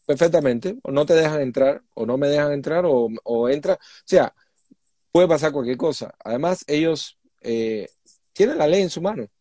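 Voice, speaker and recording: This interview guest, a human rights activist from Cuba, speaks with emphasis and indignation in a conversational style. His voice sits a little high and sounds mellow and animated at a moderate pace, on a dry, clean studio recording.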